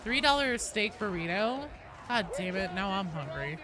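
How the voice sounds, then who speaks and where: A woman game streamer chats casually with her viewers, reading and answering their comments in an informal, sweary way with dry jokes. Her voice is medium-pitched, very animated, and at normal speed.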